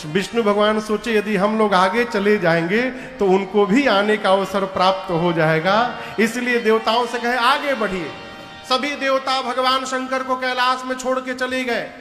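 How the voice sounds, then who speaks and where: A man's voice: high voice, fairly even intonation, a little slow, fairly bright tone. A man telling a devotional story as a sermon, voicing the characters and breaking into chant, recorded in a large hall. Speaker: katha storyteller. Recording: echoey hall with music behind.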